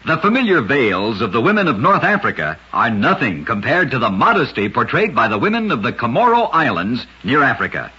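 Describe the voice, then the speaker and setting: Fairly quick and barely pausing, this raspy mid-range narrator swoops through short scripted stories with lively, dramatic emphasis and a bright edge. He sounds like an old-time radio host, heard through dull, lo-fi audio.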